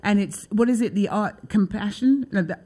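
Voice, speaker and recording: A woman's voice: medium pitch, normal speed, dark tone. A woman hosting a talk show, chatting loosely with lots of filler words. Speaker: show host. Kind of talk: casual interview chat.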